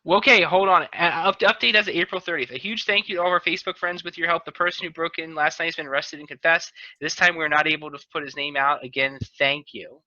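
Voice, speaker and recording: Hosting a casual group chat over a video call, a podcast host talks fast with hardly any pauses, often repeating and correcting himself. His voice is a little high, steady and sharp, without echo. The audio is dull, lo-fi video-call quality.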